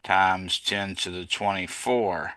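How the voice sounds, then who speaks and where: A tired man teaching physics, working through gravity problems aloud step by step, reading numbers slowly and correcting himself as he goes. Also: low voice, steady tone, sharp tone, no room sound. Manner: slow, methodical, reads out numbers step by step, self-correcting. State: tired, yawning.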